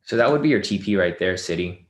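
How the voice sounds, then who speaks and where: A man with a deep, animated voice hosts a live screen-share trading webinar, talking fast through charts and chat questions with plenty of fillers. After a long day of sessions his voice is worn and he's losing it, and the room is echoey.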